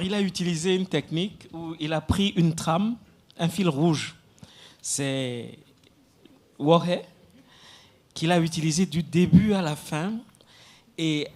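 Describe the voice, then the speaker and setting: Man giving a measured critique. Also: on the high side. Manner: measured, explanatory, repeats points. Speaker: jury member. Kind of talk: spoken critique of a performance.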